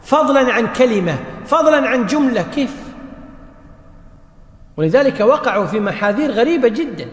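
A man's voice: extremely high pitch, lively intonation, normal speed, long pauses. A man teaching a religious lesson to an audience, often asking them rhetorical questions. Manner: addresses the audience directly, asks rhetorical questions. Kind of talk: lecture on Quranic language. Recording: echoey hall reverb.

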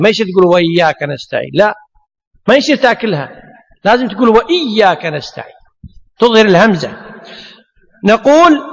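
A man's voice: extremely high pitch, fairly bright tone. A man teaching a grammar lesson, asking rhetorical questions and answering them himself. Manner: emphatic, drills rules by repetition. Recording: long hall reverb.

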